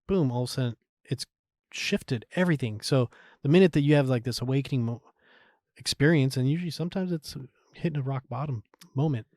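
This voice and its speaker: Podcast guest, man, mid-pitch, animated storyteller who acts out his own past thoughts; close mic, dry room. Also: fairly quick, dry recording. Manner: frequent fillers and restarts, laughs while telling. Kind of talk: candid interview storytelling.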